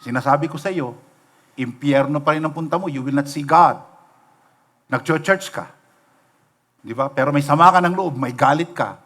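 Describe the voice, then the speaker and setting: Middle-aged Filipino pastor, sermon delivery, fairly high pitch, conversational and questioning. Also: male voice, normal speed, long pauses, fairly bright tone. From Philippines. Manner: storytelling, rhetorical questions, mixing in English. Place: church sanctuary, livestream.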